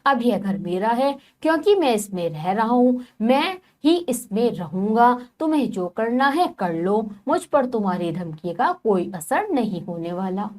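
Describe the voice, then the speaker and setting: A woman's voice: fairly high pitch, big pitch swings, unhurried, hardly any pauses, a little mellow. Woman reading as a stubborn, defiant rabbit. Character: stubborn male rabbit squatting in a nest.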